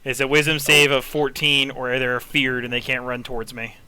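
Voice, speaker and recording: A man's voice: mid-range voice, little pitch movement, moderate pace, bright, forceful tone, slight background noise, rough recording. A man talking casually as a tabletop game player, explaining moves and rules to the others.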